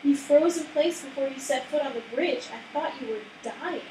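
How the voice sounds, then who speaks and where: A concerned cemetery caretaker anxiously checks on a visitor, as a woman puts him on during a tabletop game. The voice sits a bit high. The room is echoey and noisy, and the mic is set back. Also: normal speed, mellow, lightly acted. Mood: worried. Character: worried male cemetery caretaker. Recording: echoey room, distant mic, background noise.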